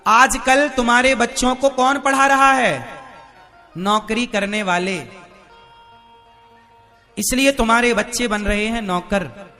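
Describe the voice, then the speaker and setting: A man's voice: very high voice, takes it slowly, pauses often, bright, forceful tone, soft background music. A man preaching a devotional sermon to a live audience, who keeps asking his listeners rhetorical questions. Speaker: religious preacher.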